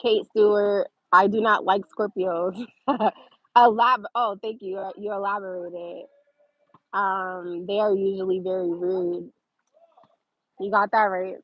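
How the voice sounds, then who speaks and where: A woman's voice: medium pitch, steady tone, slow pace, no room sound, highs cut off. A woman hosting a casual livestream, reading viewer comments aloud and answering them with sarcasm and laughter.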